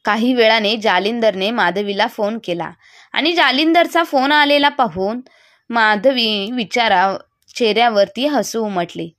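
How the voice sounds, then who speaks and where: A woman storyteller reading a scripted moral story in a steady, plain way. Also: a little high, measured pace, no room sound, studio quality.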